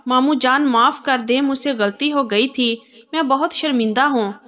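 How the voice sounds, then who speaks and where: Casting: a soft-spoken lovesick young man, read by a woman storyteller, slightly high voice. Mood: sad pleading. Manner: soft and pleading.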